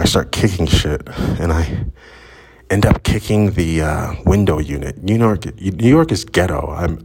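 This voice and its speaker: A man's voice: rumbling low, breathy edge. A man casually telling a story outdoors, rambling and candid, swearing freely. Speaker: vlogger. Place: outdoors at sunrise.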